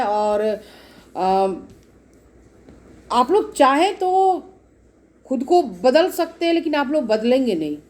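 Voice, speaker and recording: In a high, slightly mellow voice, a woman does an informal tarot reading, talking directly to those watching. Each card gets a long, repetitive explanation.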